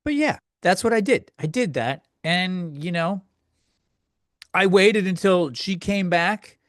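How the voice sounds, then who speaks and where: In clean studio sound with no room echo, a high-pitched man talks slowly but animatedly. He's a comedy podcast host answering listener questions in a crude, rambling, self-deprecating solo rant.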